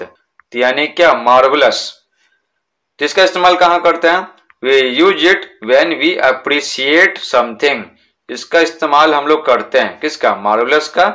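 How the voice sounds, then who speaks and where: A man teaching a school lesson in Hindi. He repeats words slowly and asks and answers his own questions. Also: mid-range voice, pushed and bright.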